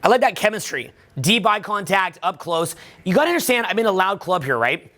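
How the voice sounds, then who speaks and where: A man's voice: high voice, very animated, fairly quick, bright, forceful tone. A man giving emphatic, profane voice-over commentary as a dating coach.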